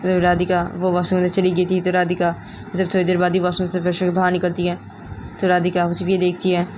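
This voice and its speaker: A woman's voice: fairly low pitch, completely flat delivery, quick pace, background noise. A woman narrating a romance story in a plain, run-on retelling manner.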